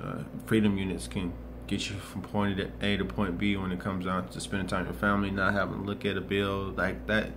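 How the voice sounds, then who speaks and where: With hardly any pauses, a man in his 20s talks fairly quickly in a low, level voice through a rambling but earnest motivational monologue. He keeps restarting and repeating himself, and the background is noisy.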